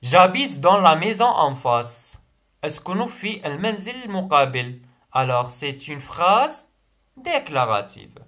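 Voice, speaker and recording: A young man with an Algerian accent, teaching a primary school French revision lesson. He reads each sentence slowly, repeats it, and then translates it. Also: fairly high pitch, sing-song, a bit bright.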